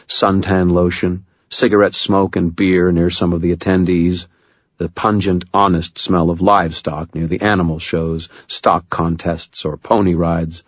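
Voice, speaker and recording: A man's voice: low-pitched, dry recording, lo-fi sound. A man narrating a first-person audiobook with wry, dry humor.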